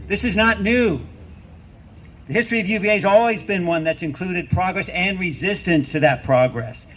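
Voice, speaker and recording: A middle-aged or older man giving a rally speech as a professor, emphatic and deliberate, building on repeated phrases and rhetorical questions. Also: sits high, a bit bright. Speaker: university professor speaking at a rally.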